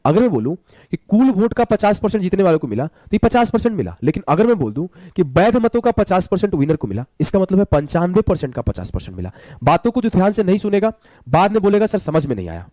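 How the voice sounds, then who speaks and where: A man teaching a live online maths class while unwell. He talks slowly, repeating key terms and asking and answering his own questions. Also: high voice, sing-song, warm tone, no room sound.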